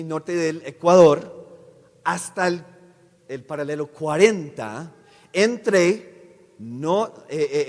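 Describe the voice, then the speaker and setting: A man giving a sermon testimony as a visiting missionary speaker. He speaks haltingly, restarts his words often and keeps checking with the audience. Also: fairly high pitch. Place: church sanctuary. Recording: long echo of a large church hall.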